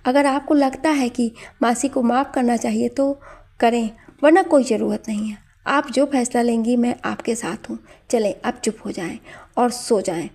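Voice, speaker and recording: A woman's voice: on the high side, normal speed, darkish tone. A woman voicing a tender, anxious young husband who soothes and pleads with his wife. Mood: gentle. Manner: soothing, pleading, then scolding.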